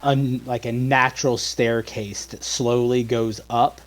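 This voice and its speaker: A man's voice: medium pitch, level tone, a little slow, poor audio. A man narrating a tabletop game as game master, stopping and restarting often as he describes the scene.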